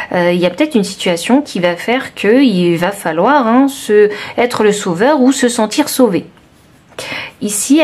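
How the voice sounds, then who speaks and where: A woman's voice: medium pitch, darkish tone. A woman with a southern French accent doing a tarot card reading for viewers, thinking aloud with many hesitations. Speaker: tarot reader.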